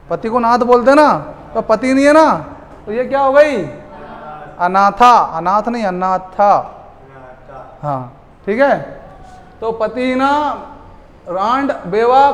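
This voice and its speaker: A man with a very high-pitched voice teaches a class and keeps firing questions at the students before answering them himself. His voice rings out with a long echo, as if in a large hall. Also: a bit bright, slight background noise. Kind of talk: classroom lecture.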